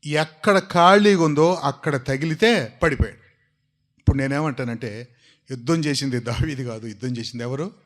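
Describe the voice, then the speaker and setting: A man's voice: medium pitch, normal speed. A man preaching a sermon, telling a story with animation and calling out questions to his congregation. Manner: animated storytelling, asks the congregation questions and urges them to shout.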